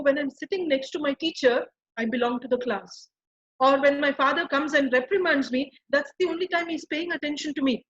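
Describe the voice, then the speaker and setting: A woman's voice: sits high, highs cut off. A woman, a child counselor giving an earnest talk to parents and often asking if they follow. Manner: earnest, asks the audience for agreement.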